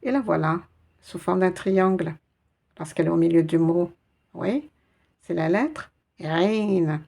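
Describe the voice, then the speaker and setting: A woman's voice: on the low side, slow, vocal fry, mellow. A woman teaching Arabic reading in a patient, encouraging way, naming each letter and sound one by one. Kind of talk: slow step-by-step reading lesson.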